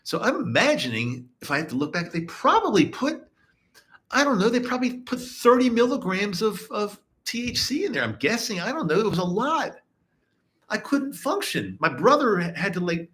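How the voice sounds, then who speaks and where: With a high voice and a fairly bright tone, a middle-aged East Coast man hosts a live podcast from home in Utah. He's casual and rambling with listeners, often repeating words and restarting.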